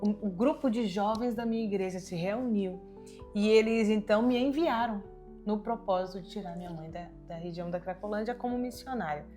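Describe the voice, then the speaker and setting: A woman's voice: mid-range voice, fairly quick, warm tone, faint music behind. Earnest woman telling her testimony. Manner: earnest storytelling; acts out remembered dialogue. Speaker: missionary. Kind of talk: personal testimony.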